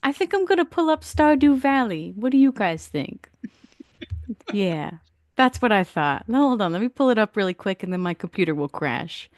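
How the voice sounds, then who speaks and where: A woman's voice: medium pitch, very animated, moderate pace, dry recording, studio quality. A woman talking like a cute, bubbly streamer, playfully and affectionately addressing her livestream chat. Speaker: streamer, contestant on a live stream show.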